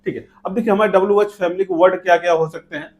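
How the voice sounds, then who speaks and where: A man with an Indian English accent teaching an English lesson, saying each example slowly and glossing it in Hindi. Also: high-pitched, fairly even intonation. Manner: slow, repeating words with Hindi glosses. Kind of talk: classroom lesson.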